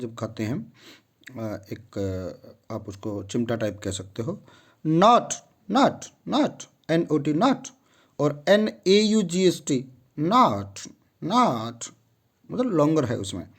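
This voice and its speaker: A man giving a phonetics lesson, repeating each word several times and addressing his students directly. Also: medium pitch. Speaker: English phonetics teacher. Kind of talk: classroom-style lesson.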